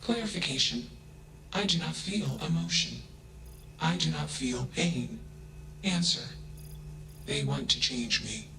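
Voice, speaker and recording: A flat, emotionless game AI that speaks slowly and deliberately, with a gravelly edge to its voice. Each statement is clipped and preceded by a label. A steady hum sits clearly behind the dialogue. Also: male voice, on the high side, heavily acted, low-quality recording. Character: flat emotionless AI, genderless machine mind. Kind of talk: video game character dialogue.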